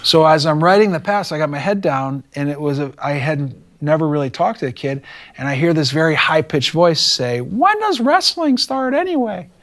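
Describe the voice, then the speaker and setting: A man's voice: on the high side, brisk. Man telling a classroom story. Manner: animated, acts out quoted dialogue. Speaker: teacher. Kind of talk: storytelling in an interview.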